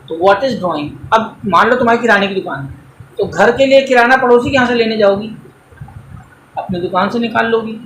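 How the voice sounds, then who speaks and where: A man's voice: very high-pitched, a bit bright, roomy sound, a little hiss or hum, low-quality recording. A man teaching an accounting class in a coaching centre, lecturing in a mix of Hindi and English and quizzing students with everyday examples.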